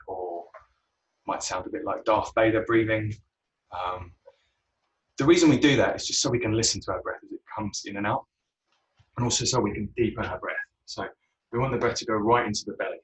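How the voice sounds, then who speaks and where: A man guiding a yoga class, relaxed and unhurried, with frequent ums. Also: lowish voice, far from the mic, low-quality recording. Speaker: yoga teacher.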